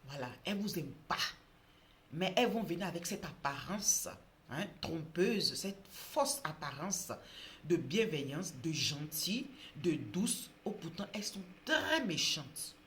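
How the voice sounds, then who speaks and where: A woman's voice: low-pitched, expressive, unhurried, fairly bright tone, slight background noise. A woman giving an informal sermon, hesitating with frequent fillers and restarts, then stressing the words when she reads Bible verses.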